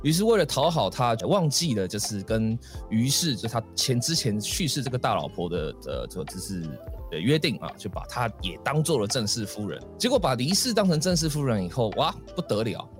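A man's voice: mid-range voice, sing-song, a little fast, soft background music. A man hosting a podcast, casually telling a folk ghost story with many fillers and acted voices. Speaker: podcast host.

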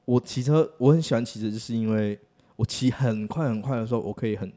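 A blunt man with a Taiwanese Mandarin accent rattles along at a fast pace. His voice is mid-pitched. He swears casually and mixes in English words. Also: warm tone. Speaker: podcast co-host. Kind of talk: casual chat.

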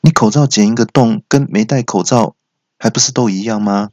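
A man voicing an exasperated woman dental assistant in a comic story, sharp and incredulous. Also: lowish voice, moderate pace, dry recording, dull audio, close to an everyday voice.

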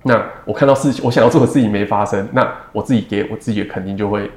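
A man in his thirties with a Taiwanese Mandarin accent, speaking as an interview guest in a measured, reflective way with many fillers. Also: on the low side. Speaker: second-generation family business heir. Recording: roomy echo.

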